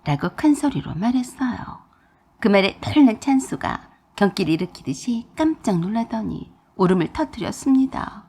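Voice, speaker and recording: A woman's voice: mid-range voice, creaky, a little mellow, breathy edge. A woman telling a radio drama story in the first person. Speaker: narrator.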